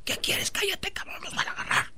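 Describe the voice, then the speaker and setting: A man's voice: a little high, measured pace, bright, forceful tone, pitched below the performer's own voice. A man doing whispered role-play as a sly boy who hides in a closet and bargains in urgent, hissed whispers. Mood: sly whispering. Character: cheeky scheming boy hiding in a closet.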